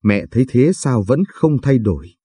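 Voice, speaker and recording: A man's voice: medium pitch, sing-song, moderate pace, mellow, husky, no room sound. Man reading as a bitter, hurt young woman. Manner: reproachful, bitter questioning.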